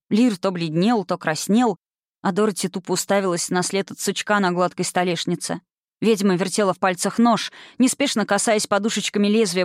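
A woman's voice: medium pitch, dry recording. Woman reading an audiobook, dry close sound. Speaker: audiobook narrator. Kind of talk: scripted narration.

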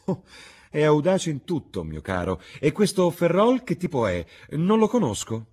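A man's voice: a little high, wildly swooping pitch, moderate pace, darkish tone, slightly rough, pitched above the performer's own voice, heavily acted. A man voicing a chattering elderly aristocratic hostess, gushing and theatrical. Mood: gossipy.

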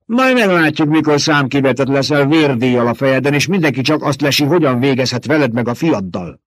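A man's voice: mid-range voice, animated, no room sound, pitched above the performer's own voice, lightly acted. A man voicing a stern, scornful old woman who mocks and scolds in a domineering way. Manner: mocking and domineering.

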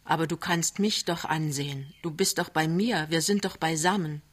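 A woman's voice: low-pitched, normal speed. Lämmchen, a tender young wife read by a woman. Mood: soothing. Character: young working-class wife, tender, desperate.

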